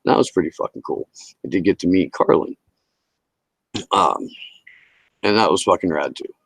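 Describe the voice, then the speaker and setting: A man's voice: animated, normal speed, vocal fry, husky, dry recording, poor audio. A man hosting a livestream, talking casually and emphatically about politics with heavy swearing, heard over close headset-style audio. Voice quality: low-pitched voice. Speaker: livestream talk show host. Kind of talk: casual political rant to a live chat.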